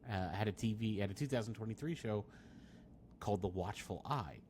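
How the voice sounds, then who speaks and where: A man's voice: lowish voice, a little fast, a little mellow, a little hiss or hum. A man reading a scripted film review, with wry, dry asides.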